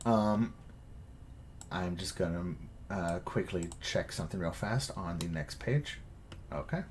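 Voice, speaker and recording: A man narrating as game master of a tabletop game, halting and full of fillers. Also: sits low, a little hiss or hum.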